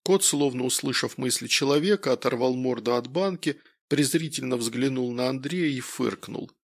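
Guy narrating an audiobook, raspy gravelly voice, steady. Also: mid-range voice, moderate pace. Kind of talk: audiobook reading.

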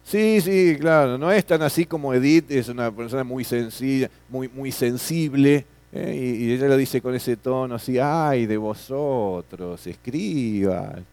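A man's voice: medium pitch, steady tone, moderate pace, few pauses, darkish tone, dry recording. A middle-aged man teaching a classroom lecture, often tagging his sentences with questions and repeating words.

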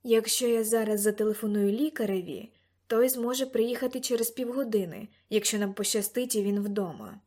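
An excitable old grandfather, a time-travel scientist, voiced by a woman in an audiobook. He bursts into loud, delighted cries when an idea strikes. His voice sits somewhat high. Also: fairly quick, close to an everyday voice. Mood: urgent. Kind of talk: audiobook character reading.

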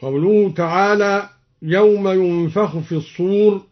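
A man teaching recitation readings, explaining each one slowly and intoning the quoted verses in a measured way, on a dull archival radio recording. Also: high voice, fairly even intonation.

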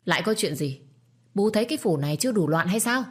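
A woman's voice: medium pitch, expressive, fast talker, breathy edge, pitched above the performer's own voice. A woman voicing a stern young man, master of a household, speaking curtly and with scorn. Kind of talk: storytelling with acted dialogue.

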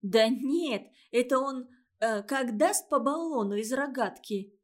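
A woman plays a spoiled little storybook girl, sly and quick-tongued, wheedling and lying in a high, ringing voice. She chatters without pause.

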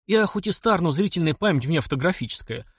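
A man's voice: a little high, animated, fast talker, slightly rough, no echo, clean studio sound, voice pushed up. A man voicing an elderly professor in an audiobook, eager and insistent, huffing when doubted. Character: elderly male professor, excitable and proud. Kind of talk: audiobook character reading.

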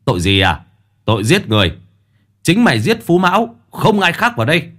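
A man's voice: fairly high pitch, huge pitch swings, a little fast, fairly bright tone, voice pushed up, full character voice. A man doing a sneering harsh court official. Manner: sneering, barking.

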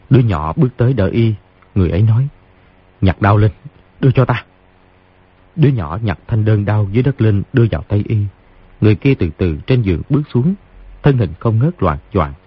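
A man's voice: fairly low pitch, husky. A man narrating a martial-arts novel as an audiobook, telling the action vividly. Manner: vivid storyteller delivery. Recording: dull lo-fi audiobook recording.

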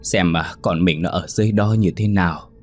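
A man's voice: low-pitched, brisk, a little mellow, husky, soft background music. A man voicing a grieving older mother who speaks weakly and plaintively in a ghost story. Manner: weak, plaintive. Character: grieving mother, the landowner's wife.

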